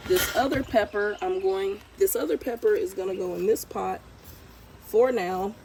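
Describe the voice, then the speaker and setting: A woman's voice: medium pitch, normal speed, vocal fry, background noise. A congested woman vlogging as she plants her garden outdoors, chatty and thinking aloud while she works. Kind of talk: casual vlog narration while gardening. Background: birds and outdoor ambience.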